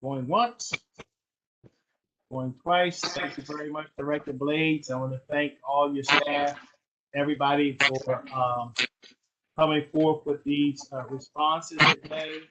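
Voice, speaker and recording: A man's voice: fairly high pitch, steady tone, muffled recording, background noise. Man chairing a council meeting. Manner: brisk, formal courtesies.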